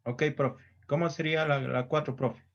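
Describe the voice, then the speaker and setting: A man's voice: medium pitch, fairly even intonation, moderate pace, vocal fry, dull audio. A man, a student, casually asking his teacher questions in class.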